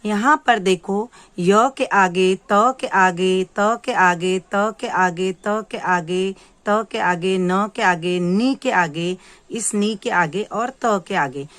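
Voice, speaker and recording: A woman teaching young children, reading words aloud slowly for them to repeat and explaining each one patiently. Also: medium pitch, a bit bright, dry recording. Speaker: primary school teacher. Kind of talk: slow, clear classroom lesson for young children.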